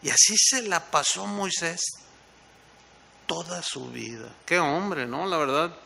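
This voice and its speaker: A male pastor preaching in a lively, chatty way, his voice sitting high for a man and sounding strikingly bright and forceful. He keeps turning to his listeners with quick questions. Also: creaky. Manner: conversational, asks the congregation rhetorical questions. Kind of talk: sermon.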